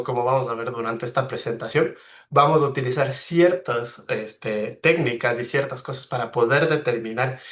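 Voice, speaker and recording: A man in his thirties with an Ecuadorian accent, giving a friendly, explanatory online presentation as a veterinarian, often checking in with tag questions. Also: mid-range voice. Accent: Ecuadorian Spanish. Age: 30s. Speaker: webinar speaker, veterinarian. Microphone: video call.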